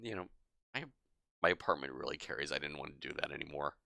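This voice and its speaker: Young woman streamer, really low voice but super lively, dry close mic, faint music behind. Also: fast talker, gravelly, no room sound. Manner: chatty, laughs often, animated. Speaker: game streamer. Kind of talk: casual live-stream chat.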